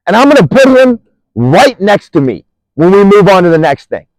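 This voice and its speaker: A man's voice: sits high, sing-song, normal speed, a little mellow, dry recording, poor audio. A man delivering an angry, profane monologue, accusing and rambling, restarting sentences as he goes.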